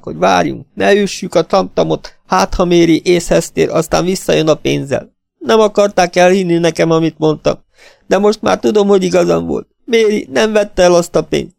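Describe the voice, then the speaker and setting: A man's voice: vocal fry, darkish tone, no room sound, studio quality. A man voicing a distraught, defiant young woman in an audiobook, speaking with emphatic, pleading insistence. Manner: raised pitch, emphatic, pleading.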